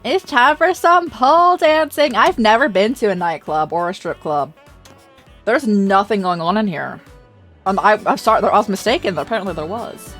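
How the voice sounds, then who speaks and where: Animated, slightly hoarse woman streamer. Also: mid-range voice, fairly quick. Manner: animated, reactive, laughs often. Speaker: game streamer. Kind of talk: casual live-stream commentary. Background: faint game music.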